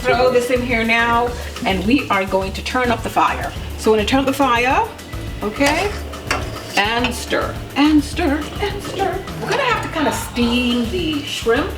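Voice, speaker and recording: Speaking at a measured pace in an animated voice on the high side, a Jamaican cooking show host of about fifty keeps her casual demo chatty and emphatic, tossing questions at the listener. Behind her, loud music, clattering pots and stirring echo through a roomy space.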